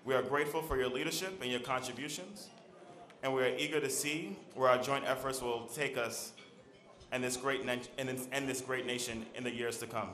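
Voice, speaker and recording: A man speaking formally and earnestly to an awards ceremony audience, his voice a plain middle pitch. The hall adds a clear echo around his words. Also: steady tone, a little fast, fairly bright tone. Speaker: government official giving remarks. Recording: echoey banquet hall.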